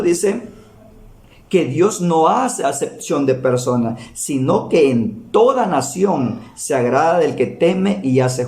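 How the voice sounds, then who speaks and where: A man preaching a Bible teaching in a slow, deliberate way, repeating key words for emphasis. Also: a little high, a little mellow, reverberant.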